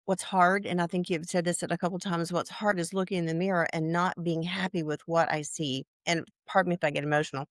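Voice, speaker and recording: A woman in her sixties, interviewed as a client, talking in a halting way with many fillers and restarts. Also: on the low side, fairly even intonation, no echo, clean studio sound. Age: 60s. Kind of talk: casual interview.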